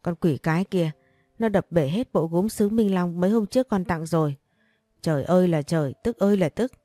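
A woman voicing a sharp-tongued older mother-in-law who hurls insults in a storybook reading. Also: fairly low pitch, a little fast, dry recording, clean studio sound, natural voice. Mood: furious. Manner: harsh, insulting.

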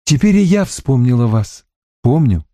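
A man voicing a calm eldest sister. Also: mid-range voice, unhurried, dry recording, studio quality. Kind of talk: audiobook character reading.

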